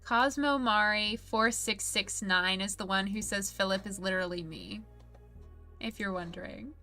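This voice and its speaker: A woman's voice: medium pitch, moderate pace, sharp tone, faint music behind. A woman streamer in casual livestream chat, reading viewer messages aloud in a chatty, giggly way.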